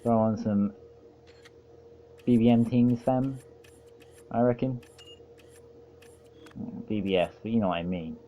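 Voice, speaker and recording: A let's play host with a lowish voice talks slowly, leaving long pauses, over phone-quality audio with a faint hiss or hum. He's casually commenting on a racing game, rambling and making dry jokes at his own expense while feeling overheated.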